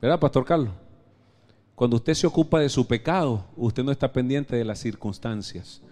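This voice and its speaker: A man with a Venezuelan accent preaching a live church sermon, emphatic, firing questions at the congregation and swinging from loud exclamations to soft low asides. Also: normal speed. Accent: Venezuelan Spanish. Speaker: pastor. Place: church service.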